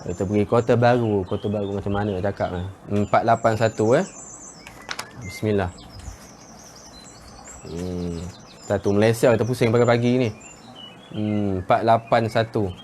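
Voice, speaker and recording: A man teaching Quran recitation in a live lesson from a garden, relaxed and chatty, drawing out example words slowly. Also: on the low side, a little hiss or hum. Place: outdoors in a garden with birdsong. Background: birdsong.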